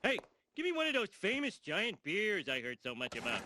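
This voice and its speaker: A yank tourist guy asking for a beer, bouncy voice, loud noisy old clip. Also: sits high, huge pitch swings, moderate pace. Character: American tourist man ordering beer in a bar.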